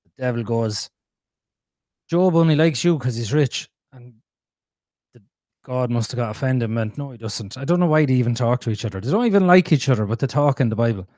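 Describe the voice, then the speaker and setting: A man telling his life story as a podcast guest, blunt and animated, swearing freely. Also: mid-range voice, no room sound. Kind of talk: candid conversational storytelling.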